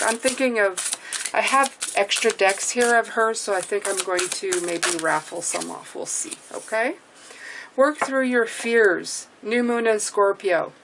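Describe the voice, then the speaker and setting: A woman with a medium-pitched voice gives a casual tarot reading over background noise. A native French speaker, she talks English with a French accent, chatty and reassuring, and keeps checking in by ending lines with "okay?".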